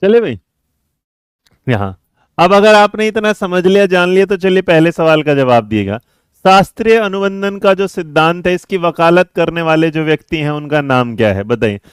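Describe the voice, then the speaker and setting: A man's voice: a little high, lively intonation, smooth, dry recording, studio quality. A man teaching a live online exam-prep class, quizzing students, coaxing them along and answering their chat messages. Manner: brisk, coaxing, calls students 'beta' and 'mere bachche'; reads and answers chat messages mid-lesson.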